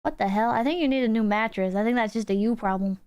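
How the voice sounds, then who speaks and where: Brash American woman, smooth voice. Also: fairly high pitch, quick pace, a little mellow. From United States. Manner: brash, teasing, swears freely. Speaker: streamer host. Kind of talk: casual stream chat.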